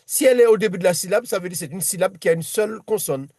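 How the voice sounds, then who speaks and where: Guy teaching a student one on one, patient, keeps restarting, pretty high voice. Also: very fast, warm tone, no room sound, studio quality. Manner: patient, repeats himself, many restarts. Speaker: Hebrew reading teacher. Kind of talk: one-on-one lesson.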